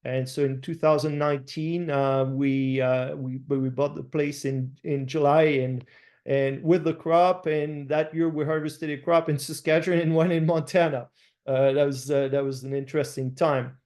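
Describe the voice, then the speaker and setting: Middle-aged French-accented man, fairly high voice, halting webinar talk, webcam sound. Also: level tone, a little mellow. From France. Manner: halting, many "uh" fillers and restarts. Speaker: farmer presenting a webinar. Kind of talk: online presentation with slides. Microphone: video call webcam.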